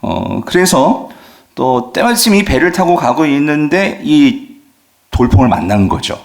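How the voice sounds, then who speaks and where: Male pastor, sermon, animated pitch, asks the congregation questions, steady filler words. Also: measured pace. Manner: lively preaching with questions to the congregation; frequent affirming "ye" fillers.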